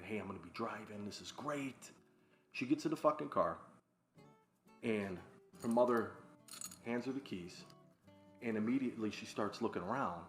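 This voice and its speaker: A man hosting a podcast, delivering a loud, profane, comedic rant about everyday annoyances. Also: mid-range voice. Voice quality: loud, animated, frequent swearing. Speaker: podcast host. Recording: echoey room with faint guitar music.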